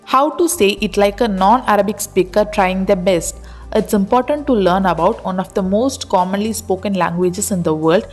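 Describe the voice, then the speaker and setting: A woman narrating a pronunciation explainer in an even, read-aloud delivery. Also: mid-range voice. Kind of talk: scripted narration of an article.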